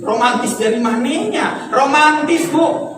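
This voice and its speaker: A man's voice: extremely high pitch, a little slow, background noise. A man preaching a humorous sermon in a mosque, teasing the crowd and acting out quoted voices. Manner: joking, teasing the audience, acts out quoted voices. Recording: echoey hall, mic far off.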